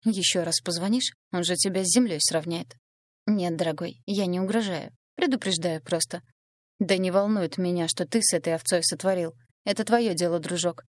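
A woman's voice: fairly low pitch, normal speed, no room sound, natural voice. A woman voicing a spiteful, scheming young woman who sneers and mocks. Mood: scornful. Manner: sneering, venomous. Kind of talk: audiobook dialogue reading.

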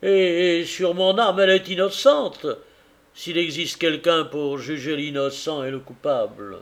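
A man reading aloud voices a heartbroken, humble carrier, speaking earnestly and slowly with a gravelly tone. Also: on the high side. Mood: sorrowful. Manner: earnest, grieving, forgiving.

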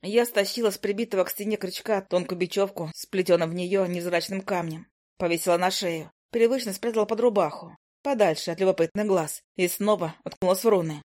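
A woman narrating a first-person fantasy audiobook, voicing an indignant heroine in a lively way. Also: medium pitch, brisk.

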